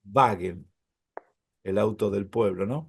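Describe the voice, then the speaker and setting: A man's voice: fairly low pitch, unhurried, gravelly, breathy edge. A man teaching a Hebrew class, explaining patiently, calling his listeners brothers and checking often that they follow.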